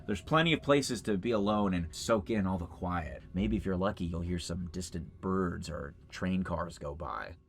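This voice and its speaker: A man's voice: low voice, moderate pace, creaky, few pauses. Laid-back young man giving chuckling commentary. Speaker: YouTuber host. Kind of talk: casual video game commentary.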